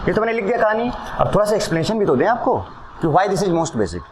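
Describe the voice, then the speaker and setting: A man teaching chemistry in a classroom, switching between Hindi and English as he explains. His voice sits high and swings widely in pitch, and he keeps pausing to quiz his students. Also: very animated. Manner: mixes Hindi and English, quizzes students with questions. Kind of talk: classroom lecture.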